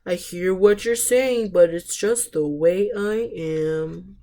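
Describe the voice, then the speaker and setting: Woman voicing a glum, slow pouty fish. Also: lowish voice, warm tone. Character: gloomy, pouty male fish, resigned to moping.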